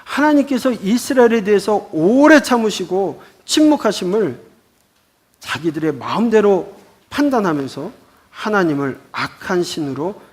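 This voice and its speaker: A man's voice: high-pitched, expressive, unhurried, husky. A man teaching a Bible school lecture, explaining scripture with rhetorical questions.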